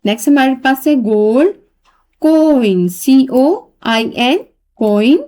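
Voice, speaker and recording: A woman's voice: high voice, slow, a little mellow. A woman teacher explaining an English workbook exercise, spelling each word letter by letter and translating it. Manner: spells words letter by letter, then repeats and translates them.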